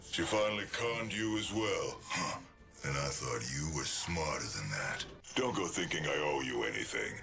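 A man playing a menacing, vengeful undying robot killer in a video game, with a deep, gravelly, robotic rasp and sinister, taunting delivery. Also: lively intonation, moderate pace, full character voice. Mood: mocking. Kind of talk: video game character acting. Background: loud music.

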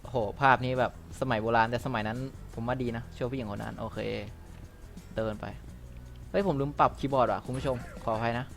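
This is a man hosting a gameplay video, with an everyday voice pitched in the middle range for a man. He keeps up a polite, chatty running commentary and jokes by playfully voicing lines for the characters. Soft game music plays faintly behind him. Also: steady tone, brisk, vocal fry. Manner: chatty and polite, ends phrases with courteous particles. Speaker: gamer hosting a let's play channel.

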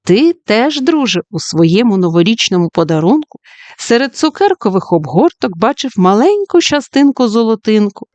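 A woman narrating a children's fairy-tale audiobook in an expressive storytelling way, at times speaking to the young listener. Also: a little high, moderate pace, no room sound.

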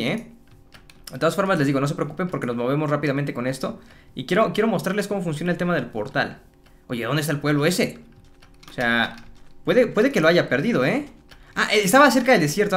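A man commentating his Minecraft play for viewers, excitable and chatty, repeating words and exclaiming. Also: fairly high pitch. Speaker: gaming YouTuber.

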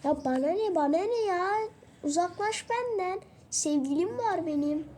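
A woman's voice: extremely high pitch, animated, moderate pace, warm tone, slight background noise. A young woman voicing a dismissive schoolgirl who snaps at a classmate. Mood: annoyed. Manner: snappy, dismissive. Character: dismissive bratty schoolgirl Merve.

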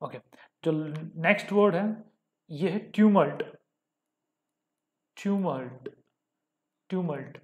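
A man teaching English vocabulary with memory tricks, explaining step by step and slowly repeating key words. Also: high-pitched, a little mellow, reverberant.

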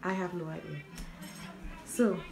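Over loud music, a woman with a lowish, creaky, steady voice talks a little slowly in a casual vlog from a relative's house. She rambles with many fillers and laughs easily, recorded roughly on a phone on a monopod held slightly away.

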